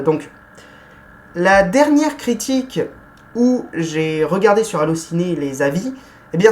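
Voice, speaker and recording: Reviewing a film casually, this woman chats in a hesitant way, frequently stopping on filler words and fixing what she just said. Her voice is medium in pitch.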